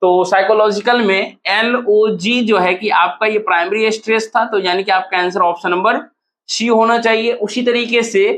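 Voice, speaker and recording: A man's voice: high-pitched, fairly even intonation, normal speed, a bit bright, a little hiss or hum. A male teacher with a Bihar Hindi accent walking students through exam answers in a casual, encouraging way. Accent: Hindi-speaking Bihar. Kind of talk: exam solution walkthrough.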